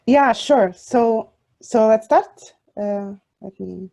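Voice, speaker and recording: A young woman from Portugal, a software developer, giving an online talk with many fillers and restarts. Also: fairly high pitch, slow, vocal fry. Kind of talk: online presentation.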